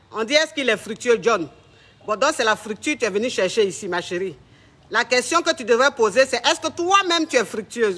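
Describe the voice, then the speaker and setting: A relationship coach, speaking live from home in a very high, bright, forceful voice. He is a man with a flamboyant and mocking manner, teasing his viewers with theatrical flair. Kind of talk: live stream chat. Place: at home with family around.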